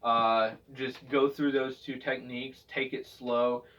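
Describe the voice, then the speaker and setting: A man's voice: medium pitch, level tone, slow pace, sharp tone. A man giving a casual spoken tutorial as a vocal technique instructor, talking in a hesitant, rambling way and repeating himself. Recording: dull, distant microphone sound.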